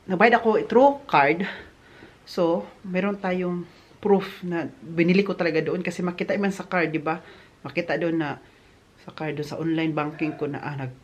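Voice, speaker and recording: Her voice is fairly low, with a steady tone and normal speed, as this woman from the Philippines vlogs casually from her home in Germany, both indoors and outdoors. She frequently laughs and sprinkles English words into what she says to her viewers.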